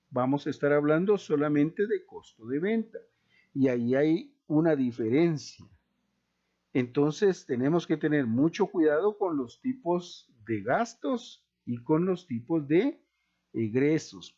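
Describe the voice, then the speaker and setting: A man's voice: fairly high pitch, dark tone, dull audio. A man teaching an accounting class, explaining step by step, repeating key points and asking himself questions. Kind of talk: slow, deliberate classroom explanation.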